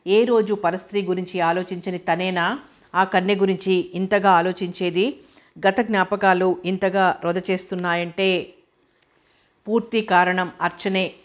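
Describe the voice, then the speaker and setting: A woman narrating a novel as an audiobook reader, in a steady, measured storytelling manner. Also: on the low side.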